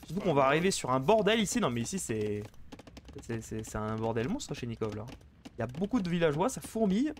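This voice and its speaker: A man casting a live strategy game match, chatty and excitable, bantering with viewers between plays. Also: fairly high pitch, brisk, a little hiss or hum. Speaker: esports caster.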